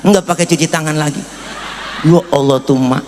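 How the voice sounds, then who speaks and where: A man's voice: on the high side, fairly even intonation, fairly quick, a little mellow, a little hiss or hum. A man with a Betawi accent giving a comic sermon, joking with the congregation, asking them to agree, and slipping into sing-song chanting. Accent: Betawi Malay. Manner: jokey, often asks the crowd for agreement, lapses into sing-song chanting. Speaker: Islamic preacher. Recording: echoey hall reverb.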